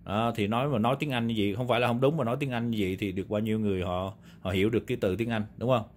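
His fairly low voice holds a steady tone while racing along, with a little hiss or hum in the audio. This man, who has a Southern Vietnamese accent, hosts a video reviewing vintage audio gear, demonstrating it on an indoor table in a rambling, unscripted way full of confirming tags.

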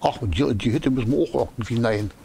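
A man's voice: medium pitch, fast talker, vocal fry, dark tone, a little hiss or hum. A man doing casual live commentary as a game streamer, thinking aloud and muttering to himself.

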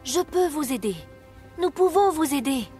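A woman doing a high, eager young girl mouse. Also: expressive, normal speed, a little mellow. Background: game music.

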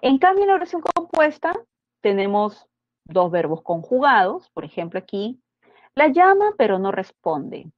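A woman teaching a pre-university grammar lesson, explaining step by step and tagging her points with quick check-in questions. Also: mid-range voice, very animated, dry recording, muffled recording. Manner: explanatory, constant tag questions. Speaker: language teacher.

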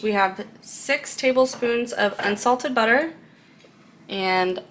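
A cooking vlogger with a mid-range, fairly bright voice walks through a recipe step by step in a casual, chatty video filmed in her home kitchen. She laughs now and then, and the recording has a slight hiss or hum.

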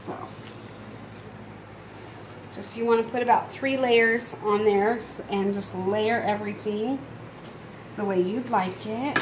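Chatty mom in an echoey kitchen. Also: female voice, mid-range voice, fairly even intonation, takes it slowly, long pauses. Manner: chatty, instructive, talks to viewers. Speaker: mom cooking on camera. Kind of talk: casual cooking demonstration. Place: home kitchen. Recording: echoey kitchen with loud background noise. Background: child crying, household noise.

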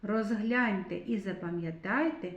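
A woman's voice: mid-range voice, a little slow. A woman kindergarten teacher giving a literacy lesson to preschoolers, spelling out sounds carefully and praising the children. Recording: echoey, slightly dull recording.

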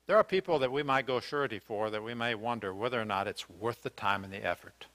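This older American man talks fast in a lowish, pushed, bright voice while preaching a sermon in a church sanctuary. He sounds earnest and questioning, with hesitant fillers and restarts.

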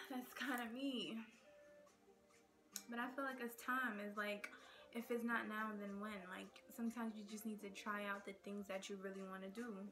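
A woman's voice: medium pitch, steady tone, moderate pace, music in the background. A young woman from Nigeria, chatting casually to camera in a rambling get-to-know-me video, full of "like" and "okay". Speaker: vlogger. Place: indoors in front of a plain gray backdrop.

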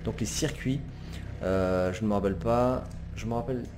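A gamer talks through a let's play in a casual, chatty, hesitant way, full of fillers and self-corrections, and apologizes when he swears. His voice is fairly low and at normal speed, with noise in the background.

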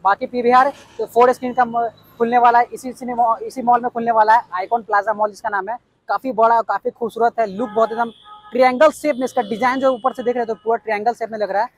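Walking around a building site outdoors, this vlogger from Bihar, India, talks at a quick pace in a very high voice with a level tone. He's eager and hyped, often driving home his main points with "yes indeed."

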